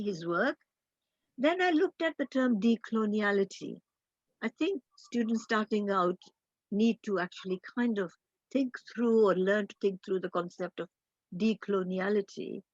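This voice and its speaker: An older woman, a guest academic in a roundtable discussion, speaking in a measured, thoughtful way with frequent pauses. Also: medium pitch, no room sound, dull audio.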